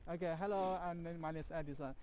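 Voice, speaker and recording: A young man from southern China speaks English in a fairly high voice. He answers briefly and simply while he is interviewed outdoors as a staff guide, and the words come out quickly. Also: a little mellow, rough recording. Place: outdoors on a snowy stretch of the Great Wall.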